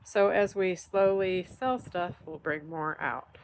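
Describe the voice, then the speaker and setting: A woman's voice: on the low side, takes it slowly. A middle-aged woman, congested and nasal from dust, chatting to viewers on her vlog while she works in a barn. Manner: chatty, upbeat, talking to viewers while working. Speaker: vlog host. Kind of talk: casual vlog narration. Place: dusty barn in the country.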